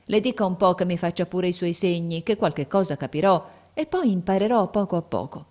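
A woman's voice: on the low side, expressive, a little fast, natural voice. A woman reading a story aloud, voicing an emotional, anxious father, a gardener who keeps exclaiming. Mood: tearful joy. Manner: emotional, exclaiming, rising to near shouts. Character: anxious, overjoyed working-class father, a gardener.

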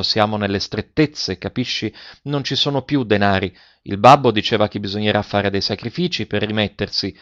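A man's voice: on the low side, fairly bright tone, natural voice. A man voicing an earnest, determined young girl pleading with her mother, in a slightly dull recording. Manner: resolute, pleading.

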